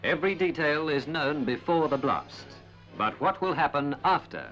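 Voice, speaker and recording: Bright, formal 1960s male film narrator. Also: on the high side, expressive, faint music behind. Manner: formal, measured, dramatic. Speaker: documentary narrator. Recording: dull, band-limited 1960s film soundtrack.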